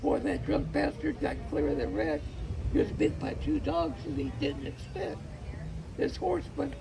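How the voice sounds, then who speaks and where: A man with a folksy cowboy drawl, reciting rhyming cowboy poetry like a storyteller in a gravelly voice. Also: very high voice, wildly swooping pitch, measured pace.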